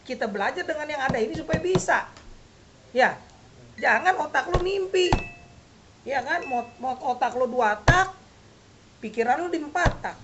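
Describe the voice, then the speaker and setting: A man, coaching a group of riders in a blunt, animated way and firing quick questions at them. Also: very high voice, background noise. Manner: blunt, animated, quizzes listeners with rapid questions. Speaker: riding safety coach.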